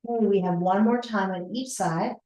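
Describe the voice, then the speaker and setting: A woman's voice: medium pitch, moderate pace, dark tone. A woman leading a workout as an aerobics instructor, giving short, encouraging cues and counts, recorded in a roomy, echoing space. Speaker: fitness instructor. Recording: roomy, echoing indoor sound.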